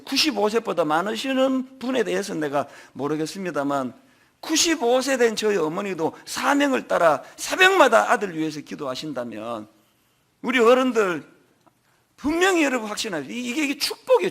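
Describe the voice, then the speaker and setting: A middle-aged man preaching a sermon as pastor, telling stories with emphatic swings in pitch and loudness. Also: big pitch swings, normal speed, vocal fry. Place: large church sanctuary.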